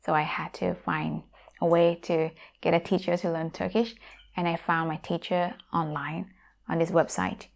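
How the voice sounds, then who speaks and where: Speaking English with a Thai accent, this Thai YouTuber and language teacher in her thirties has a rather low, gravelly voice, a flat delivery, and a moderate pace. She talks casually and directly to viewers on a lapel mic, friendly in tone, from a home room with guitars hanging on the wall.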